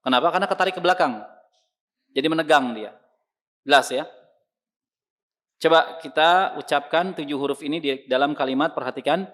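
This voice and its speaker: A man teaching Quran recitation in an online lesson. He explains patiently and demonstrates each sound by repeating it loudly. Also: fairly high pitch, fairly quick, pauses often.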